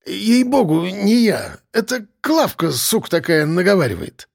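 A man doing a raspy whining drunk. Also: high-pitched, big pitch swings, a little slow, pitched above the performer's own voice, heavily acted. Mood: whiny. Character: hungover drunk man, whiny, confused suspect.

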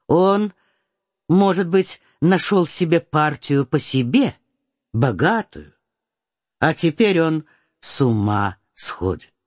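A woman reading a storybook voices a gentle, amused older countess mother, speaking low and calm. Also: slow pace, long pauses, no room sound, full character voice. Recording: slightly dull dry recording.

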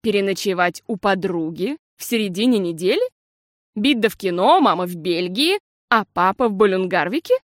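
A fussy middle-aged aunt from a children's story, loud and quick to be shocked, as a woman reads her. Her voice swings widely and sounds close and dry. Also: mid-range voice, expressive, no room sound, close to an everyday voice. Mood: alarmed scolding. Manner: loud, scolding exclamations.

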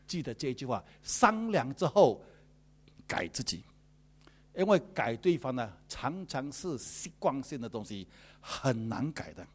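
A man, a pastor preaching a sermon in a lively, joking way. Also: mid-range voice.

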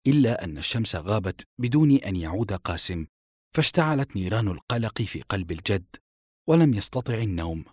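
A man narrating a novel as an audiobook in expressive storytelling style. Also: on the low side, brisk, breathy edge, dry recording, clean studio sound. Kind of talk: scripted narration.

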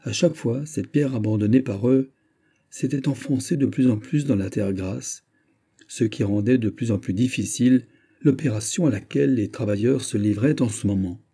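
A man narrating a classic novel as an audiobook in a measured reading. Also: medium pitch, warm tone, slightly rough.

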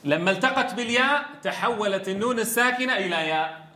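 A man's voice: high voice, expressive, quick pace, bright, forceful tone, roomy sound. A man teaching Quran recitation, asking students questions and demonstrating sounds. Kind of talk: tajweed lesson.

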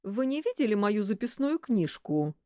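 A woman voicing a stern, reproachful male boss in an audiobook, with a lively, expressive delivery. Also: mid-range voice, normal speed, no echo, clean studio sound, voice pushed up, close to an everyday voice. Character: stern male boss, cold then furious.

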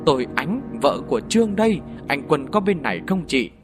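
A man's voice: on the high side, big pitch swings, a little fast, over music. Man voicing an insistent young village wife. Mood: urgent. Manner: pressing, insistent.

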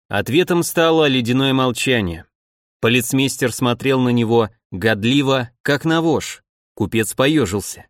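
A man reading an audiobook in measured, even scripted narration. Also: medium pitch, dry recording, clean studio sound.

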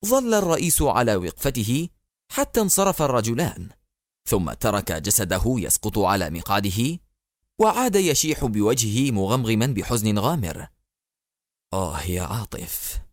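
A man narrating a thriller novel in a dramatic, expressive storytelling manner. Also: mid-range voice, moderate pace, no echo, clean studio sound. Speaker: audiobook narrator.

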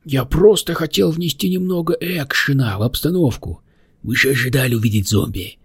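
A man voicing a small, mischievous male demon who talks in a high, squeaky, excitable way in an audiobook. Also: normal speed, husky, no room sound, clean studio sound. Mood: teasing.

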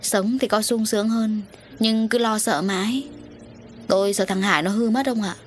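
A woman's voice: mid-range voice, steady tone, normal speed, a little hiss or hum, voice pushed up, lightly acted. A woman voicing an anxious middle-aged mother in an audio story, fretful and scolding. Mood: worried.

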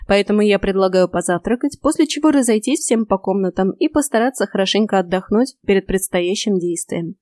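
A woman doing a calm female dragon. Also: medium pitch, a little fast, few pauses, dry recording, natural voice. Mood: composed. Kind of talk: audiobook character voice.

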